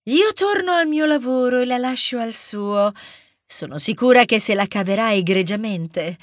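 A man reading a children's story, voicing a calm, efficient woman in charge who speaks in a polite, reassuring way. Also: extremely high pitch, moderate pace, no echo, studio quality, voice pushed up.

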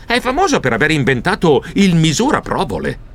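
Expressive male storybook narrator. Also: on the high side, brisk, gravelly. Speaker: audiobook narrator. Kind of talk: first-person storybook narration.

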